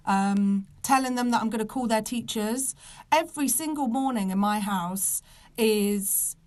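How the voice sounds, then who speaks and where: A British woman of about thirty with soft R sounds, ranting casually and comically to a live online audience in an exasperated, emphatic, sweary manner. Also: on the high side. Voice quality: soft, non-rolled R sounds. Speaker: podcast host.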